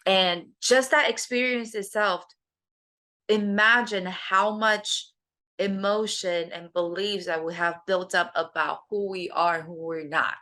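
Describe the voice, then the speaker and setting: A woman's voice: medium pitch, fairly even intonation, measured pace, pushed and bright. A woman hosting a self-help talk, speaking earnestly and emphatically about self-acceptance. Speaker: host, life coach.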